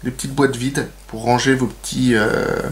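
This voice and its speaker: A man talks viewers through a hands-on nail art demonstration in a relaxed, chatty way. He pads his sentences with fillers and throws in playful, self-mocking asides. His voice sits at a middle pitch over a faint background hiss. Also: normal speed. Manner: chatty, many fillers and "donc". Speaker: nail art tutorial host. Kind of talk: casual how-to demonstration.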